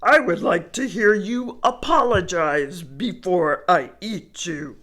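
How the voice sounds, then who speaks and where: A woman voicing a huge grumpy male bear who growls his words loudly and slowly. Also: lowish voice. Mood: gloating. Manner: growling, loud and slow.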